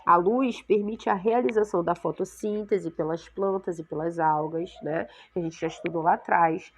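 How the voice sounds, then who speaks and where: With a Brazilian Portuguese accent and a cold that leaves her congested, a woman teaches a science lesson to sixth graders, explaining things and checking in constantly with "tá?" and "né?". Her voice is lowish at normal speed, and the audio is dull.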